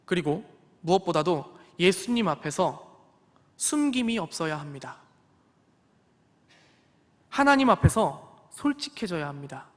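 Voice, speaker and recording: Male pastor, sermon delivery, somewhat high pitch, earnest storyteller with dry asides; reverberant sanctuary. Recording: long hall reverb.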